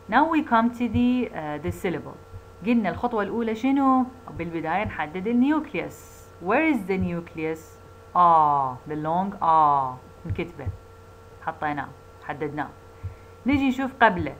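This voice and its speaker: A woman with an Iraqi Arabic accent lecturing on phonetics. She mixes Arabic and English, repeats key terms and corrects herself as she goes, speaking English slowly and Arabic quickly. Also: mid-range voice, highs cut off, slight background noise. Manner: slow, deliberate English; quick Arabic asides. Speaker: university lecturer.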